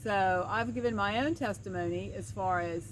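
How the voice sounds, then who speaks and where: A woman's voice: mid-range voice, normal speed, low-quality recording. A middle-aged woman giving a casual, earnest personal vlog, her speech slightly slurred as if one side of her mouth were numb. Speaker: vlogger and pastoral counselor. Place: outdoors by a creek. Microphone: camera at a short distance. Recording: outdoor creekside with clear insect and ambient noise. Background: insects and woodland ambience.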